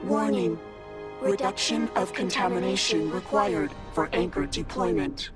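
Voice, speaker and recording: A woman's voice: fairly low pitch, a little slow, close to an everyday voice. A woman voicing an emotionless, official machine intelligence in a video game, making clipped system announcements. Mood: impassive. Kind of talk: video game character acting. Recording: music behind. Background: music.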